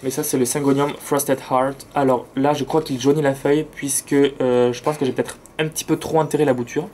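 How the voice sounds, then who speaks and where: A man's voice: medium pitch, flat delivery, brisk, a little mellow, slight background noise. A man with a southern French accent chatting enthusiastically about his plants outdoors, with slangy asides. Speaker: plant vlogger. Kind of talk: casual chat. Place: outdoors near a road with cars and planes.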